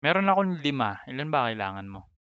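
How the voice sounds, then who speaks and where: A gamer co-host chats casually while playing, reading out item names, mixing in English, and chuckling. His medium-pitched voice swings widely and moves briskly with a clean tone, though the recording is lo-fi with no room sound.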